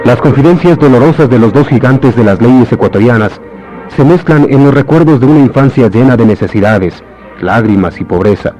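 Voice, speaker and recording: A man's voice: mid-range voice, fairly quick, mellow, natural voice. A man playing the solemn narrator of a historical radio serial in an old announcer's style. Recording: dull lo-fi radio recording, music behind. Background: music.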